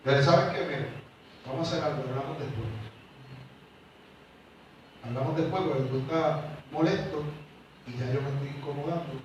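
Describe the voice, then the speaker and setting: A man's voice: on the high side, moderate pace, pauses often, a little hiss or hum. A man, a pastor telling a personal testimony in a sermon and acting out the dialogue. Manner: animated storytelling, acts out dialogue, swings from loud to quiet. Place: large church sanctuary. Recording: echoey hall, mic from far off.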